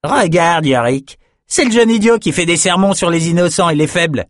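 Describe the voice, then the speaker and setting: A man's voice: a little high, moderate pace, no echo, studio quality, pitched above the performer's own voice, close to an everyday voice. A man voicing a crude, mocking male Norukai slaver in an audiobook. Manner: sneering, coarse.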